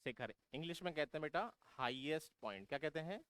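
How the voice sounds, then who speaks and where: A man's voice: fairly high pitch, animated, fast talker, fairly bright tone, clear, resonant tone, no echo. A man teaching exam vocabulary who keeps asking his students questions and then answering them himself, calling them "beta". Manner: repetitive, drilling explanation. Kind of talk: vocabulary lesson for exam prep.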